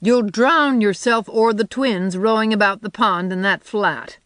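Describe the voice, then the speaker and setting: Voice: medium pitch, animated, normal speed, a bit bright, dry recording, natural voice. A reader giving voice to a stern old countrywoman in her sixties, grumbling and matter-of-fact in an audiobook reading. The recording is dry and close, with no room sound. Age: 60s. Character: elderly woman, stern and practical. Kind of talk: audiobook character voice.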